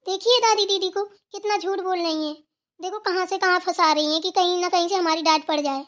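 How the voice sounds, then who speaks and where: A woman's voice: very high-pitched, steady tone, a little fast, fairly bright tone. Whiny lazy young daughter-in-law, voiced by a woman. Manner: whiny, defiant. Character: lazy spoiled young daughter-in-law who refuses to get up.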